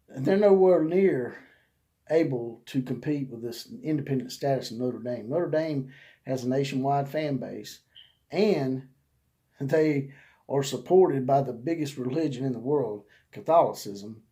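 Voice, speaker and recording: Man, sports vlog host, folksy sermon-style rant, dark mellow voice. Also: mid-range voice. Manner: folksy, preachy, drawls words for emphasis. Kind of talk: casual rant in a preacher's manner.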